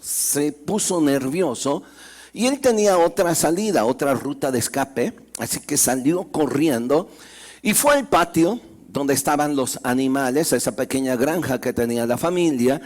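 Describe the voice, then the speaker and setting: A male pastor telling a fable in a sermon with animated storytelling. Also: fairly high pitch, normal speed.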